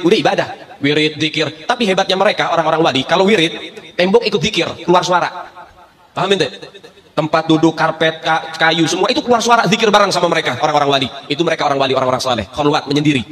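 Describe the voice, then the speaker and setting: A male preacher spins a sermon tale in a high, quick voice. He keeps it lively and often chuckles between lines. The delivery stays brisk from start to finish. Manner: animated, chuckling storyteller. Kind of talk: storytelling sermon.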